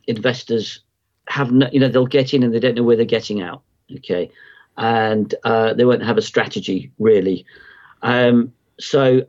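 A market timing analyst appears as a podcast guest, explaining ideas at length in an ordinary mid-pitched voice and rambling with many ums and restarts. The conversational audio sounds a bit dull and lo-fi, like a remote call.

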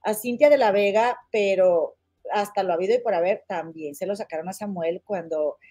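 A woman with a Mexican accent hosts a casual livestream, gossiping bluntly and calling her viewers comadres while reading their comments. Her voice is medium-pitched and mellow, at a normal speed.

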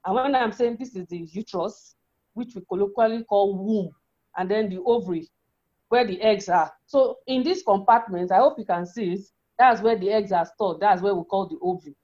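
A woman's voice: medium pitch, normal speed, dark tone. A woman with a feminine voice giving an explanatory health talk as an educator, often repeating and rephrasing her points. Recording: dull, lo-fi sound.

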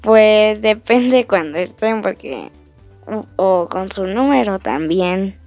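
A woman guest on a radio show, speaking. She talks very slowly in short, hesitant answers, recorded dry with faint music behind. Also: mid-range voice, lively intonation, darkish tone, dry recording. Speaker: scout guest. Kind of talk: casual radio chat.

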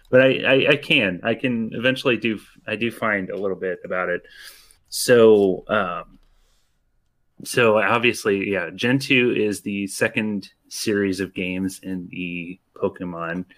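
A man hosting a casual gaming podcast, talking in a laid-back way with lots of ums and pauses. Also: fairly low pitch, a bit bright. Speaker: podcast host.

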